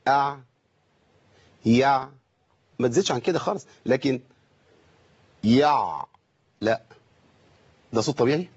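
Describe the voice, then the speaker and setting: A man with an Egyptian accent teaching Quran recitation on a broadcast lesson, explaining and slowly demonstrating verses with rhetorical questions. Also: mid-range voice, expressive, breathy edge, muffled recording.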